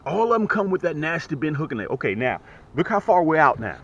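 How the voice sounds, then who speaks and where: This fast-talking fishing channel host has a fairly high pitch and films his casual vlog from a small boat on a lake in early morning rain. Speaking straight to viewers, he's excitable and repetitive, often dropping into a hushed voice on the water. An action camera mounted on the boat records dull lo-fi sound with faint outdoor noise.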